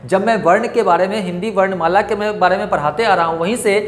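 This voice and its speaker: A man's voice: high-pitched, steady tone, fast, slight background noise. A man teaching a grammar lesson, repeating himself often and quizzing his pupils with questions he answers himself. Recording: echoey room with long reverb.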